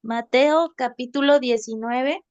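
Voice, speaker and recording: A woman's voice: high voice, slow pace, no room sound, highs cut off. A woman taking part in a Bible class, giving brief answers with scripture references. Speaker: class participant.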